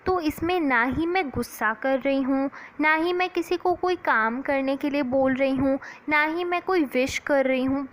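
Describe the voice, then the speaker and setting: A woman teaching English grammar in a casual classroom manner, chatting in Hindi and reading English definitions slowly and deliberately. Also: high-pitched, low-quality recording.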